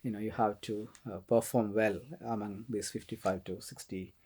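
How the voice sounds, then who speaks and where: A man's voice: fairly low pitch, little pitch movement, moderate pace, breathy edge. A middle-aged priest from Kerala, India, with an Indian accent and Malayalam as his first language, talking casually and hesitantly as a podcast guest. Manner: soft-spoken, hesitant with many fillers, laughs often. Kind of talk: casual interview conversation.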